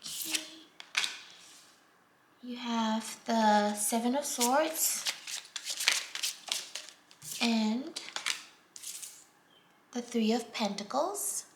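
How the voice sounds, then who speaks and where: Recorded in an echoey room with faint background noise, this Singaporean tarot reader does a relaxed pick-a-card session. Her voice is on the high side, soft and slow; she's gentle and unhurried, full of fillers, and almost whispers as she draws the cards.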